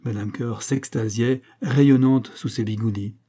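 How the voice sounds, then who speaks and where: A man reading a classic short story aloud in a measured, expressive way. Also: medium pitch, breathy edge. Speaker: audiobook narrator. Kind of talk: literary audiobook reading.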